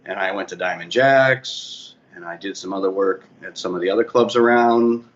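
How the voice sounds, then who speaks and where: In muffled audio with faint background noise, a Boston-area man with a local accent speaks at a moderate pace in a low-pitched voice. A guest who works as a DJ and bar manager, he rambles through his career story in a casual interview, frequently correcting himself.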